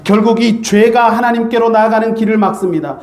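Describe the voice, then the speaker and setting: A man's voice: high voice, brisk, darkish tone. A middle-aged male pastor preaching a sermon, earnest and repeatedly calling out to his congregation. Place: church sanctuary. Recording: echoey church sanctuary.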